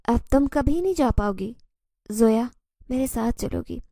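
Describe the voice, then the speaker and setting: A woman's voice: on the high side, mellow, no echo, studio quality. A woman voicing an obsessive, possessive male jinn who speaks intensely and insistently in a horror story.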